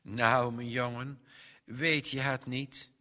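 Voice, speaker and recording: A man voicing a kind, pious aunt in a children's story, speaking softly and gently. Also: mid-range voice, flat delivery, takes it slowly, long reverb tail. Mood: gentle. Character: kind, pious old aunt telling stories.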